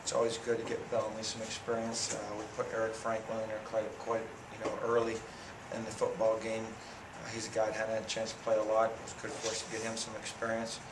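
Low, flat-voiced coach at a press conference. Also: male voice. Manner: plain, measured, many fillers and restarts. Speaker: head football coach. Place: press room in front of a sponsor backdrop. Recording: echoey room audio from a far camera, noisy.

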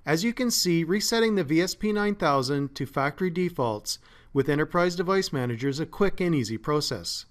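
A man narrating a scripted step-by-step tech tutorial as a support engineer, in a steady, methodical way. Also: a little high, a little fast. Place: voice-over, not recorded in the pictured place.

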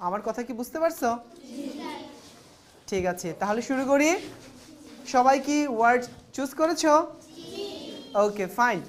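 A woman with a Bangladeshi accent leads a young class in sound practice. Her voice sits high, and she speaks slowly, spacing out each English word with care. The pupils answer her from around the classroom. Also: expressive, slight background noise. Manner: slow, clear drilling of single words, mixing languages. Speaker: primary school English teacher. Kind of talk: classroom teaching.

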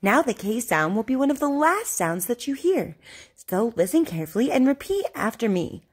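A woman speech therapist leading a repeat-after-me word drill for children, over-enunciating each word slowly and deliberately. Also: on the high side, big pitch swings, slightly rough.

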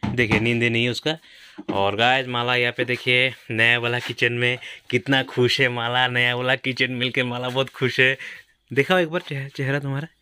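A man's voice: flat delivery, moderate pace, pushed and bright, smooth. A young man casually narrating a family vlog as a father, chatty and addressing his viewers directly. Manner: chatty, addresses viewers as guys, coaxing the child in a high sing-song. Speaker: vlogger, father.

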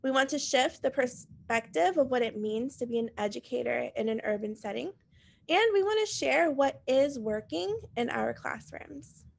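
A woman in her thirties from Puerto Rico, a music teacher presenting an online teacher workshop over a video call in a calm, earnest way. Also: sits high, moderate pace, vocal fry. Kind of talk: online professional development presentation.

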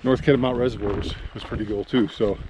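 Low-voiced man hiking outdoors. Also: quick pace, background noise. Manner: relaxed, rambling, with fillers and restarts. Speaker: hiking vlogger. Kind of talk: casual trail commentary. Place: outdoors on mountain trails. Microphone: action camera held at arm's length.

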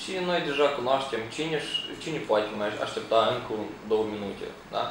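A man in a training session answers questions haltingly and stops to find his words. His voice sits at medium pitch and sounds far off in an echoing room. Steady noise runs behind him. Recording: echoey room, distant mic, background noise.

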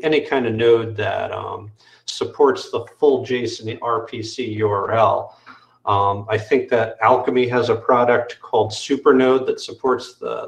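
A man with a gravelly, fry-edged voice talks through code on a video call, explaining each step and leaning on "um" as he goes. His desk mic picks up a roomy echo from the small room around him. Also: medium pitch. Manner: explanatory, frequent "um" fillers. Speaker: developer demoing software. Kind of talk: technical screen-share walkthrough.

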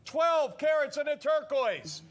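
High-voiced man repeating sales pitches. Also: big pitch swings. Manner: fast, repetitive, urging viewers to yell sold. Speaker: shopping show host.

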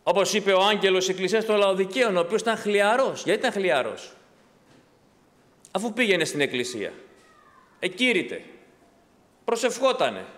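A man's voice: high voice, lively intonation, pauses often, fairly bright tone. A male pastor delivering an impassioned sermon, asking rhetorical questions and answering them himself. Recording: long hall reverb.

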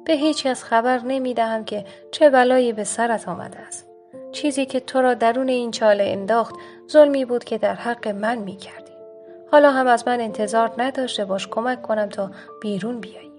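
A woman's voice: fairly high pitch, a little mellow, faint music behind, close to an everyday voice. A woman voicing a sly, scornful fox in a told folk tale, speaking in a mocking, reproachful way.

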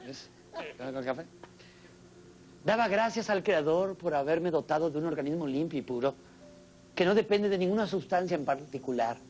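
Male comic, exclamatory stage delivery, high-pitched. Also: darkish tone, slight background noise. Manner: theatrical, exclamatory, addresses live audience. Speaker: stand-up comedian host. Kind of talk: stand-up monologue. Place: television studio stage with audience.

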